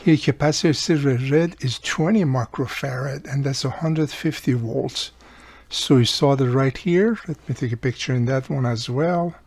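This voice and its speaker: A radio repair video host casually walks through a hands-on repair tutorial step by step, repeating key points. His voice is gravelly and husky, medium in pitch with a darkish tone, and he speaks at a moderate pace.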